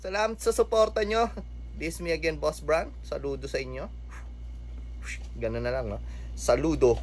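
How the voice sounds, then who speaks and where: A man's voice: fairly high pitch, normal speed. A man from the Philippines who runs a computer shop, chatting casually in a vlog, easygoing and laughing often, a little out of breath. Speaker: computer shop owner and vlogger.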